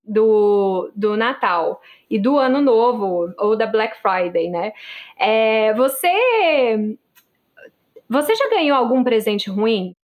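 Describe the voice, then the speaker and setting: A woman podcast host, chatting casually and telling stories with quick, animated asides. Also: a little high, lo-fi sound.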